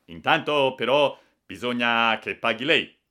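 A man's voice: on the low side, lively intonation, brisk, pushed and bright. A man voicing officious male train officials who speak firmly. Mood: stern. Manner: firm, officious.

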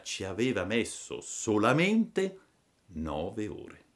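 A man narrating a storybook with expressive, dramatic delivery. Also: low voice. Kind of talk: storybook reading.

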